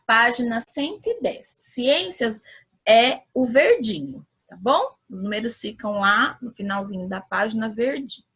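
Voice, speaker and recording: A woman's voice: a little high, bright, forceful tone, husky. A Brazilian woman teaching a remote lesson to young children. She is patient and encouraging, sounds words out syllable by syllable, and keeps checking that the children are following. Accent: Brazilian Portuguese. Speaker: primary school teacher.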